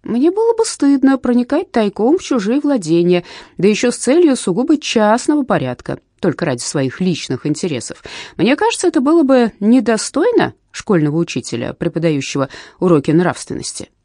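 A woman's voice: mid-range voice, very animated, a little fast, warm tone, dry recording, clean studio sound, pitched above the performer's own voice. A woman doing a stern, moralizing schoolteacher. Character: principled middle-aged male schoolteacher, stern and proud.

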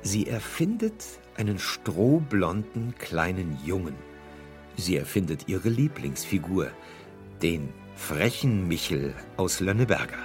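Deep-voiced male documentary narrator. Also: very animated, slow, faint music behind.

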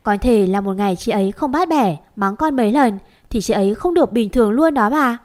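A woman's voice: on the high side, animated, fairly quick, a little mellow, natural voice. A woman voicing a cheeky younger sister who teases and tattles to her grandmother. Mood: teasing. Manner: cheeky, teasing.

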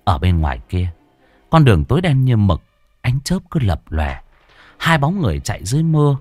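A man narrating a ghost story in an expressive, dramatic way. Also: mid-range voice, a little fast, dry recording, faint music behind.

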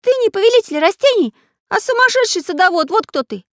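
A woman voicing a cheeky, excitable magic pencil artist in a children's audiobook, in a shrill, excited manner. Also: brisk, no echo, studio quality. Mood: indignant.

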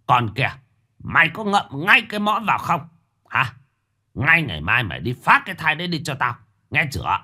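A man voicing a tyrannical rich village patriarch who shouts and scolds harshly in a spoken story. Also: on the high side, big pitch swings, normal speed, voice pushed up, heavily acted. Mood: furious shouting.

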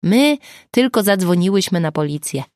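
A woman voicing a calm, reassuring friend. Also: lowish voice, moderate pace, no echo, studio quality, lightly acted. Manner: soothing. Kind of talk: audiobook character voice.

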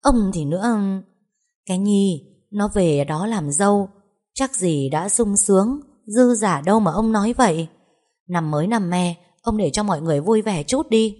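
A woman's voice: mid-range voice, animated, normal speed, dark tone, lightly acted. A woman voicing a distressed middle-aged wife who scolds and pleads with her husband in an audio story. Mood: upset.

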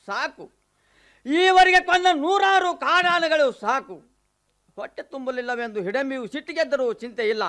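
A man's voice: very high-pitched, bright, forceful tone. A man voicing a young demon son in a mythological radio play, speaking in an anxious, questioning, declamatory way. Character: young demon son, worried about his mother.

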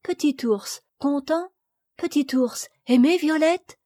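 A woman's voice: takes it slowly, warm tone, no room sound, clean studio sound. A woman voicing a small, trusting little girl who speaks in baby talk. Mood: hopeful. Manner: baby talk, high and tender.

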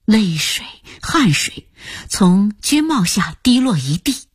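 Woman audiobook narrator, unhurried, husky and airy, lively pitch, close dry recording. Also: dry recording. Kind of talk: scripted novel narration.

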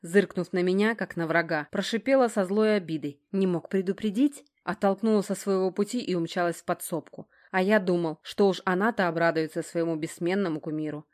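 A woman's voice: fairly low pitch, fairly quick, hardly any pauses, darkish tone. Woman narrating an audiobook. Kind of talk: first-person audiobook narration.

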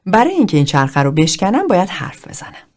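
A woman reading a frank, halting young man. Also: fairly low pitch, wildly swooping pitch, a little mellow. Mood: candid. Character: plainspoken self-conscious young man.

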